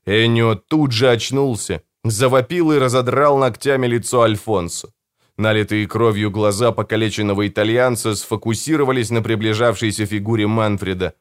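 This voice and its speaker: A man reading a dark fantasy novel aloud as an audiobook narrator, in measured storytelling. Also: lowish voice, steady tone, smooth. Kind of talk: dramatic scripted narration.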